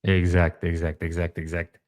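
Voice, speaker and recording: A man's voice: low voice, monotone, measured pace, a little mellow. A man hosting a casual conversation, often chiming in with short agreement. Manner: affirming, interjects short agreement. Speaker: host.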